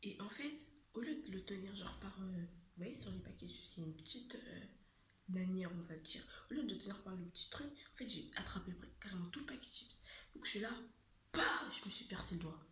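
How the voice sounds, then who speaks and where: A woman's voice: mid-range voice, lively intonation, fairly quick, reverberant, slight background noise. A woman telling a childhood story in casual, slangy chat, often dropping to a half-whisper.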